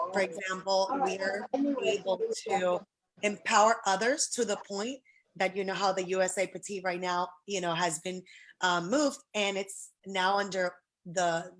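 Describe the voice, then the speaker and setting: A woman's voice: mid-range voice, a bit bright. A middle-aged woman from Puerto Rico, a pageant director, telling her story in a casual interview, earnest and grateful, with many restarts.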